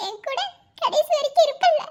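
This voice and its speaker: A clingy, tearful young wife in an animated cartoon. Her tone sits extremely high, almost childlike, and she pleads through sobs. She sounds desperate not to be left alone. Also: brisk. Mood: tearful pleading.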